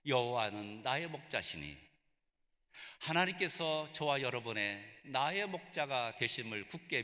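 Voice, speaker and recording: A man's voice: mid-range voice, pushed and bright. A man preaching a sermon at a graduation ceremony, telling stories earnestly. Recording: reverberant hall.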